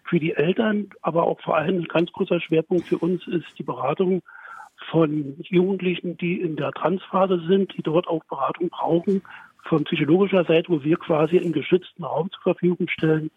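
Phone-in guest: Berlin-accented man, 50s, husky, plainspoken. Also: fairly high pitch, normal speed, dry recording. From Berlin outskirts, Germany. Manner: plainspoken, explains at length with restarts. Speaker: guest, pride association member. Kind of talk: interview over a phone line. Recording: tinny phone line, dry.

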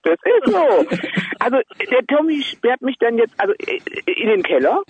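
A man joking around as a guest in a casual interview, animated and quick to laugh. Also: very high-pitched, muffled recording.

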